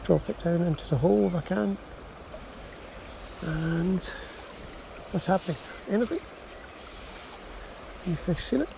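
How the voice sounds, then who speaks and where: His voice is high and gravelly, a bit slow, with long pauses between his murmured remarks. A man angling in a small river narrates his fishing casually in the first person for his vlog, sometimes exclaiming, all recorded on a body-worn action camera amid nonstop running water.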